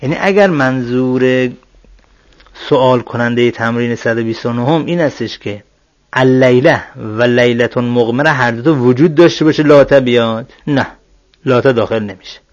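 A man teaching Arabic grammar, working through exercises and slowly spelling out each example word. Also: medium pitch, no echo. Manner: slow, deliberate, spells out example words. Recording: dull, dry lo-fi sound.

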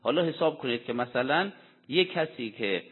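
A man giving a Quran commentary lecture, explaining deliberately and answering his own rhetorical questions. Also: mid-range voice, lively intonation, slightly rough. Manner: poses rhetorical questions and answers them himself; deliberate, explanatory delivery with Arabic quotations. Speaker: religious lecturer. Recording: tinny phone-like sound with long hall reverb.

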